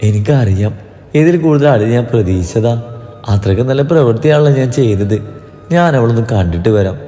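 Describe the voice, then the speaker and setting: A man voicing a remorseful young woman who pleads softly in a read-aloud story. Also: mid-range voice, expressive, a little fast, reverberant, big-room sound, close to an everyday voice. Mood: rueful. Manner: pleading, soft.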